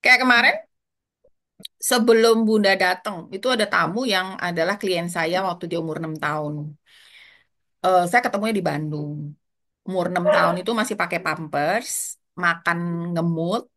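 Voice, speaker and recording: An older woman with a Jakarta colloquial accent, telling lively stories as she gives parenting advice. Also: fairly low pitch, normal speed, pauses often. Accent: Jakarta colloquial Indonesian. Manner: lively storytelling with quoted asides. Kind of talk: casual advice chat.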